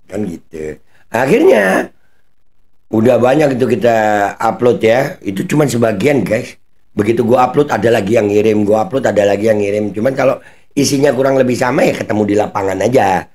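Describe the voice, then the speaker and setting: A man's voice: mid-range voice, a little mellow. A man giving heated commentary as a channel host, talking bluntly in mocking street slang and swearing now and then.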